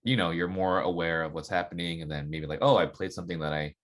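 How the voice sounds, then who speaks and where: A man with a very low, deep voice speaks as a podcast guest. His talk is relaxed and rambling, padded with fillers as he thinks aloud about playing saxophone. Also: quick pace. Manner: relaxed, rambling, filler-heavy with many "like" and "you know". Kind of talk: casual podcast interview.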